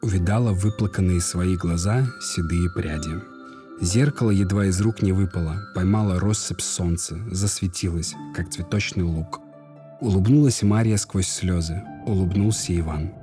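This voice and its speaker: A man narrating a fairy tale in a measured, solemn storybook manner. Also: deep voice, music in the background. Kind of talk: storybook reading.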